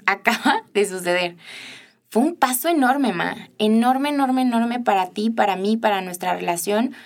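A young woman with a Mexican accent, chatting with her mother and telling a personal story with frequent laughs. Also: medium pitch. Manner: warm storytelling, laughing often. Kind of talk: casual chat.

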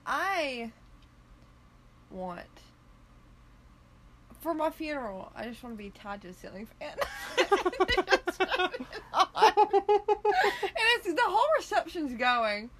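Animated young woman co-host, high and swooping, over a faint room hiss. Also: takes it slowly, long pauses, rough recording. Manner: animated, laughing storyteller. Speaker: podcast co-host. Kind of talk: casual chat.

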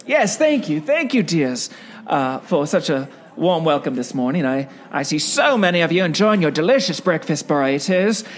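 First from a parked car in a lot and then from a small restaurant, a stage performer spins comedic mockumentary talk with theatrical, self-dramatizing grandeur. His medium-pitched voice is very animated and moves at a moderate pace.

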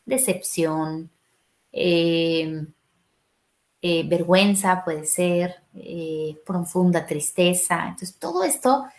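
A woman's voice: fairly low pitch, expressive, slow, darkish tone. A middle-aged woman, a family therapist explaining parenting advice on a podcast and acting out questions parents might ask. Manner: explanatory, acts out parent and child questions in a raised voice.

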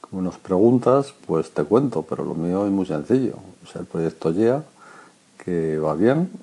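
A deep-voiced man records a casual voice message. His voice is gravelly with heavy fry and a husky, rough grain. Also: lively intonation, moderate pace, dark tone.

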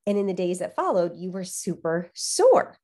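A woman's voice: fairly low pitch, very animated, normal speed, dark tone. A woman hosting a solo podcast, explaining things conversationally and emphatically, with a nasal voice stuffed up by a cold. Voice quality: nasal, congested. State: has a cold. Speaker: podcast host.

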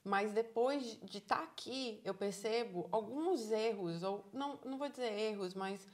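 Thirties woman, Bahian Brazilian accent; animated, encouraging interviewee. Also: medium pitch, measured pace. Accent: Bahian Brazilian Portuguese. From Salvador, Bahia, Brazil. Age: 30s. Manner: animated storyteller, acts out quoted dialogue, encouraging. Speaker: interviewee, psychologist living abroad. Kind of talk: casual conversational interview.

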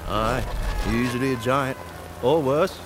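An actor playing a gruff, friendly male wizard official, blunt and folksy. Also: mid-range voice, a little slow, very noisy, lightly acted.

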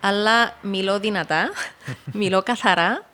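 A young woman with a Cypriot Greek accent talks easily about her life as a rally co-driver. Her stories wander and fill up with small hesitations, in the loose way of a podcast guest. Her pitch sits in an ordinary middle range. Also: bright, forceful tone. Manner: chatty, loose storytelling with many fillers. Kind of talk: casual podcast conversation.

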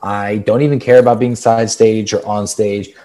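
A man in casual podcast chat, excitable and quick to laugh, swearing casually. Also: lowish voice. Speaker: podcast co-host.

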